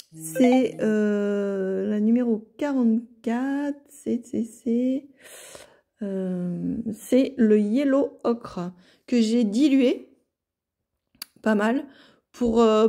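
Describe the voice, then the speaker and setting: A French woman calmly narrating a watercolour card tutorial in a casual way, with many fillers and restarts. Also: fairly high pitch. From France. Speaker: card-making artist.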